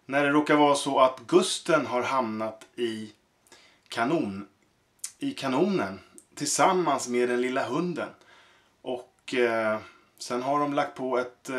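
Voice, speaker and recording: A man reading a children's book aloud in a halting way, with fillers and self-corrections. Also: mid-range voice. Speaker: reader.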